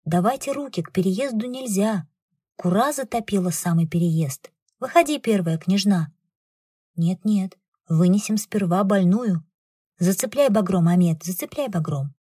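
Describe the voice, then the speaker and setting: A woman's voice: mid-range voice, expressive, normal speed, warm tone, breathy edge, no room sound, studio quality. A woman reading aloud and voicing a young princess who gives firm orders in a storm. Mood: urgent. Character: young princess, commanding and guttural.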